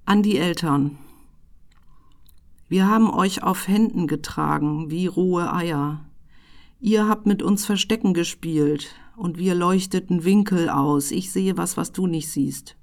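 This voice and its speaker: A woman giving a slow poetry recital, with a rhythmic delivery that breaks into sudden loud bursts and whispered phrases. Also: fairly low pitch.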